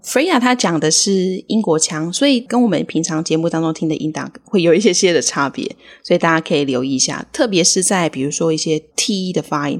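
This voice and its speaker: Woman, Taiwanese Mandarin, low pitch, slightly husky, podcast co-host, patient English lesson. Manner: explains words slowly and clearly. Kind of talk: casual language lesson.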